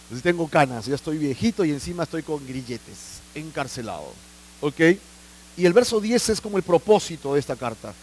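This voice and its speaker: A man's voice: fairly high pitch, animated, a little fast, a little mellow, slight background noise, poor audio. A man preaching a Bible sermon, conversational, often adding tag questions and acting out little scenes. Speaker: pastor. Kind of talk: expository sermon.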